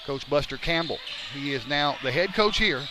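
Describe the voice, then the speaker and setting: A man's voice: a little high, expressive, moderate pace. A man calling a basketball game live from courtside, a little out of breath. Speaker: play-by-play sports commentator. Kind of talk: live basketball radio-style commentary. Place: courtside in a school gym during a game. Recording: clear gym noise, bouncing ball behind. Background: basketball bouncing and game noise.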